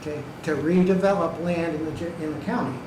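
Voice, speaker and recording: A man with a slightly high voice speaks briskly during public comment at a county meeting, pressing each point with emphasis and checking in with "okay" and "right." The clip comes from a county government meeting room and has an echoey, noisy hall sound.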